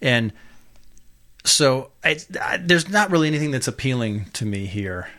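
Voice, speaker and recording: A man's voice: mid-range voice, sing-song, moderate pace, sharp tone. A middle-aged man hosting a casual podcast chat as a guitar teacher, candid and opinionated, talking loosely with fillers.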